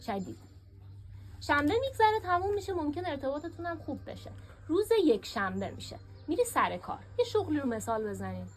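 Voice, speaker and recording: A woman teaching a workshop class in a classroom, lively and asking her students questions. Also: sits high.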